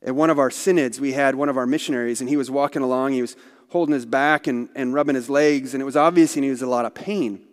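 A man's voice: medium pitch, steady tone, fast talker. A man speaking for a missionary organization, telling stories in a conversational church talk with asides. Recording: long hall reverb.

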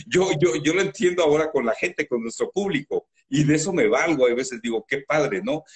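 A man with a Mexican accent, a guest in an interview, telling stories from his life in a loud, animated, emotional way. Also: on the high side, normal speed. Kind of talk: emotional storytelling.

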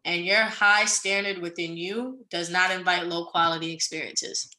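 Bright-voiced young woman, earnest chat. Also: lowish voice, little pitch movement, normal speed, rough recording. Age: 20s. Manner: earnest, rambling, motivational. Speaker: podcast co-host. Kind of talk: casual chat.

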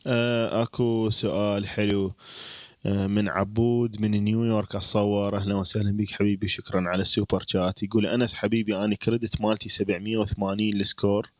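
A man's voice: fairly low pitch, level tone, fast, fairly bright tone, no room sound, studio quality. A man co-hosting a podcast, chatting in an easygoing way and reading viewer questions aloud. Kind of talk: casual podcast chat.

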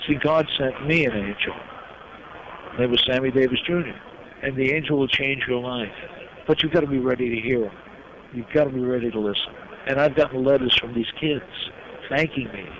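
Older male guest from New York, reflective storyteller with frequent pauses; muffled lo-fi recording with steady noise behind. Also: mid-range voice. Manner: reflective, heartfelt, pausing often. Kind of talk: personal storytelling in an interview. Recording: dull lo-fi sound with clear background noise.

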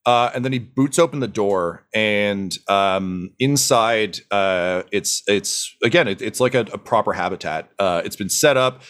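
A man's voice: lowish voice, a little slow, hardly any pauses, fairly bright tone. A man narrating as dungeon master in an improvised tabletop game, loose and full of fillers and chuckles.

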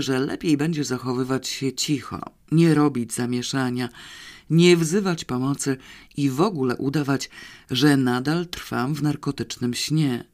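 A man narrating an audiobook in the first person, with a measured, expressive reading. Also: medium pitch.

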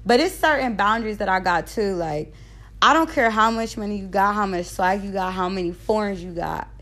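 A woman's voice: mid-range voice, a little fast, fairly bright tone. A woman in her thirties hosting a podcast on her own, talking bluntly and candidly in a casual monologue and sometimes stumbling over her words. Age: 30s. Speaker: podcast host.

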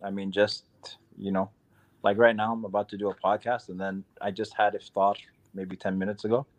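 Laid-back New imam, low deep voice, relaxed podcast guest talk. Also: male voice, fairly quick. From Queens, New York. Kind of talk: casual podcast chat.

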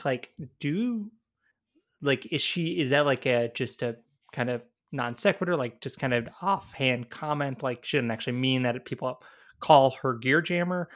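A man co-hosting a podcast, chatting casually in a wry, rambling way and often correcting himself mid-sentence. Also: medium pitch. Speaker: podcast co-host. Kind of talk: casual chat.

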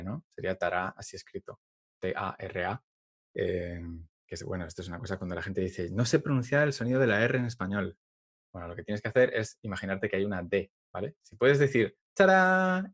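Low-voiced man chatting about learning Spanish. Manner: thoughtful, hesitant with fillers, jokey. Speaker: Spanish teacher podcast co-host. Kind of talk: casual teaching chat.

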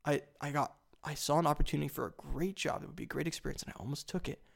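A nineteen-year-old man hosting a solo podcast, rambling eagerly with sudden excited leaps in pitch. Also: racing, creaky. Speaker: podcast host.

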